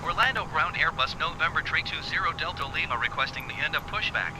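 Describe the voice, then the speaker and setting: A man's voice: a little high, fast. A man as a pilot on a cockpit headset. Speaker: virtual airline pilot making radio calls. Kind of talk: clipped radio phraseology to air traffic control. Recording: loud engine noise behind.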